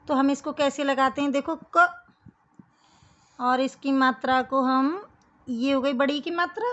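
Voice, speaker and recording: A woman's voice: sits high, fairly even intonation, a little slow, fairly bright tone, lo-fi sound. A woman teaching young children a writing lesson, patiently explaining each step and calling them "beta". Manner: patient, addresses kids as beta.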